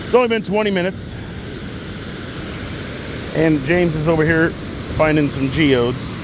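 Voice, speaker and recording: Male angler, casual vlog chat, fairly high voice, folksy, outdoors with clear rushing-water noise. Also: animated. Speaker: amateur angler filming a fishing vlog.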